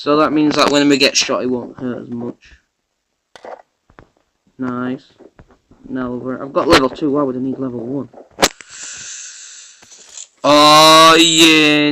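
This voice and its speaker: Excitable man commenting on gameplay. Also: medium pitch, slight background noise, low-quality recording. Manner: chatty, excitable, talking to viewers. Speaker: gamer.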